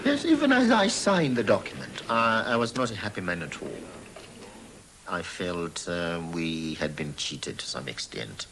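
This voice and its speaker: A political leader recalling an agreement in an interview, in a rueful tone. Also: male voice, low voice, very animated, unhurried, fairly bright tone, a little hiss or hum, poor audio. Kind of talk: interview recollection.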